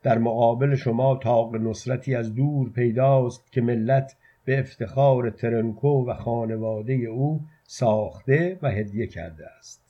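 A man's voice: medium pitch, close to an everyday voice. A man voicing a pompous male city guide who proudly boasts about his country's monuments, in a muffled lo-fi recording. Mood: boastful.

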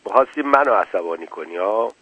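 A man voicing a cool-headed young male gambler who talks with calm swagger. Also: on the low side, slightly rough, exaggerated voice. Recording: dull lo-fi dry recording.

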